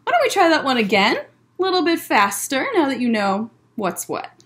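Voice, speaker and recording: Sing-song and high, with a fairly bright tone, a young woman reads aloud and chats at a moderate pace during a children's story hour. The setting is an indoor library room with bookshelves, and the sound comes from a webcam or laptop at desk distance.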